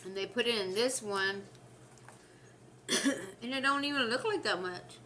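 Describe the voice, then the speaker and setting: Bright-voiced woman chatting over a meal. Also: fairly high pitch, a little slow, a little hiss or hum. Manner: talking while eating. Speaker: mukbang vlogger. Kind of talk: casual chat to camera while eating.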